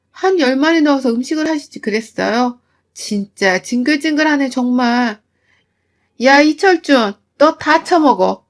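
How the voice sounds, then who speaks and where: A woman voicing her younger self as an angry wife, talking back sharply and raising her voice. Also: high voice. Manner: sharp, defiant, shouting. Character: furious fed-up young wife.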